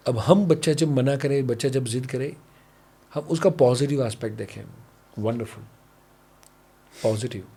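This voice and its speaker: A man's voice: mid-range voice, moderate pace, pauses often, warm tone, breathy edge. A man from India, a parenting coach, talking on a podcast and acting out dialogues between parent and child. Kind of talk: podcast conversation, Hindi-English mix.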